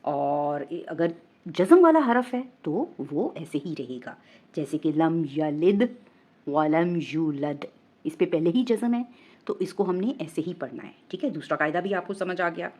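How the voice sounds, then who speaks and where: A patient woman with a Pakistani Urdu accent teaching, her voice sitting on the low side. She explains each rule step by step, quizzes her students and slowly draws out the recited Arabic words. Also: sing-song, a little mellow, husky.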